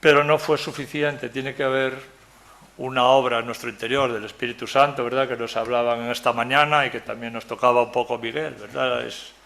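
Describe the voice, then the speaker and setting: An older preacher with a gravelly, bright voice leads a Bible study. He talks in a chatty, joking way and keeps checking in with his listeners. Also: medium pitch, fairly even intonation, a little fast, slight background noise. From Galicia, Spain. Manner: conversational, keeps asking "¿verdad?", jokes with the audience. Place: church meeting room.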